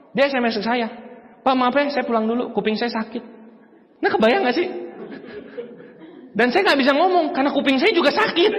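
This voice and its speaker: A man giving an animated motivational seminar talk, often turning to the audience and acting out quotes. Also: very high-pitched. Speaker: motivational speaker at a business seminar. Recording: reverberant hall.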